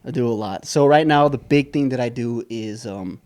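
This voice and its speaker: Speaking at a moderate pace and medium pitch, a young Saipan entrepreneur recounts his story as an interview guest. His talk is loose and relaxed, wandering with lots of fillers and restarts.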